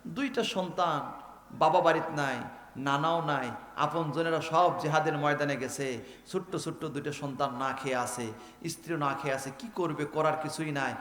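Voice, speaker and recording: Forceful preacher man in an echoey hall. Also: a little high, moderate pace. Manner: fires rhetorical questions at the crowd, demands answers. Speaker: maulana preacher. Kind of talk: sermon storytelling.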